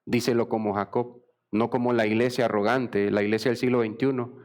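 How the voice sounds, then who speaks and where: A pastor preaching a sermon with passion, acting out the dialogue between God and Jacob. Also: male voice, medium pitch, little pitch movement, a little fast.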